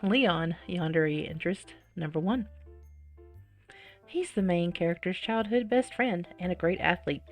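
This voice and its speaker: A video game let's-player, a woman with a fairly low voice, reads a visual novel aloud in an unhurried, expressive, dramatic way. She keeps breaking in with her own reactions while faint game music plays behind her.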